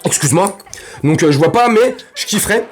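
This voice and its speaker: Lively, slangy football fan man ranting. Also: sits high, fairly quick. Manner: animated, slangy, bursts into shouting and laughs. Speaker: football fan channel host. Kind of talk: casual ranting vlog.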